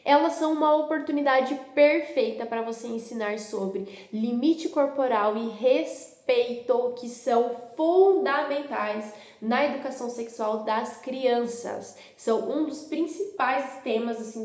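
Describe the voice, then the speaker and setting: Brazilian parenting coach, a woman with a bit of a high voice, calm and explanatory, home room with a roomy echo. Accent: Brazilian Portuguese. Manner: calm explanatory, acts out parent-child dialogues. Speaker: parenting educator. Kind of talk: instructional video. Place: her home.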